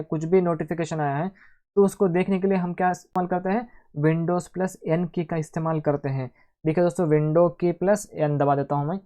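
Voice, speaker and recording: A man's voice: on the high side, mellow. A man hosting a casual screen-recorded computer tutorial, chatting to viewers as friends and talking through each step aloud. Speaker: tech tutorial host.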